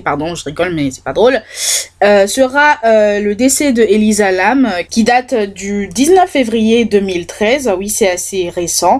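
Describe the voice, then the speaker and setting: Woman podcaster, unscripted true-crime storytelling, stumbling and restarting often. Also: mid-range voice. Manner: hesitant, many fillers and restarts. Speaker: podcast host.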